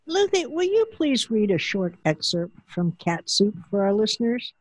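A woman's voice: mid-range voice, big pitch swings, normal speed, no echo. A woman hosting an interview who asks upbeat questions and pays her guest compliments. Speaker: interview host.

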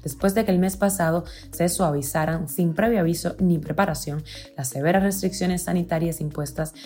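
A woman hosting a news podcast, reading the day's headlines in a steady, clear delivery. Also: lowish voice, normal speed, faint music behind.

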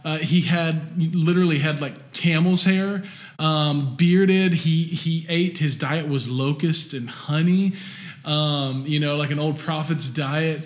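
A man preaching a sermon in a relaxed conversational way, with many fillers and restarts. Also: on the high side, takes it slowly. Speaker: pastor.

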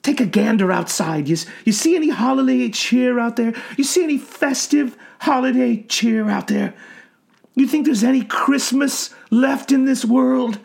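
A man's voice: extremely high pitch, normal speed, gravelly, darkish tone, voice pushed up. A man voicing a haunted old male asylum patient who mumbles in a folksy drawl and breaks into sobs. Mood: bitter. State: sobbing.

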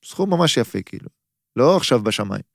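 A man's voice: medium pitch, sing-song, vocal fry, no room sound, clean studio sound. A man in his thirties, a footballer guest on a podcast, telling a story casually and acting out both sides of his phone calls.

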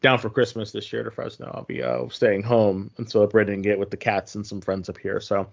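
A man co-hosting a podcast, chatting casually and haltingly, often repeating his phrases. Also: fairly low pitch, little pitch movement, vocal fry, breathy edge, lo-fi sound. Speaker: podcast co-host. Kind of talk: casual chat about games and trips.

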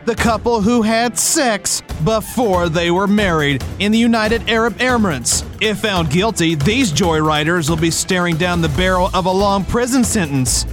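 A man's voice: high-pitched, close to an everyday voice. A man voicing a hyped, dramatic reality crime show narrator who leans into puns.

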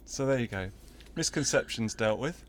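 A man's voice: medium pitch, animated, moderate pace, a little hiss or hum. A man hosting a casual podcast from inside a car, steering the chat in a wry tone and quoting listeners. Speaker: podcast host and editor.

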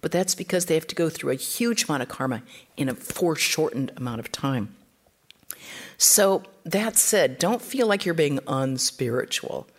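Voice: medium pitch, lively intonation, normal speed. A spiritual teacher giving an informal talk, speaking conversationally and acting out the quotes in the stories.

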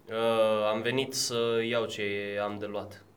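A man's voice: lowish voice, steady tone, fairly bright tone, voice pushed down, close to an everyday voice. A man improvising a threatening male drug dealer collecting a debt in a comedy sketch. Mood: menacing. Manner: slow, threatening, theatrical.

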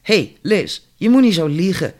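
A fiery, sharp-tongued working-class woman, as a male audiobook reader puts her on, chattering indignantly and bossing others about. Her voice sits well above the reader's own, set higher for the part. The delivery stays quick and forceful. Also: sing-song. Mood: brisk, bossy.

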